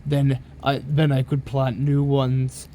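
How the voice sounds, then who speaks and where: A man giving a dramatic reading of a horror story, theatrical, with drawn-out emphasis on some phrases. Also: mid-range voice, completely flat delivery, dark tone, a little hiss or hum. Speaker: narrator reading a creepypasta aloud.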